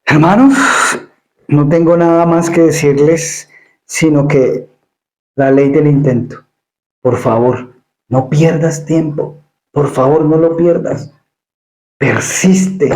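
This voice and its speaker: A male pastor delivers an emphatic sermon in a fairly high but dark, mellow voice. He repeats words as he builds his points. The sound carries the echo of a church room. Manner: emphatic preaching with repetitions and acted asides.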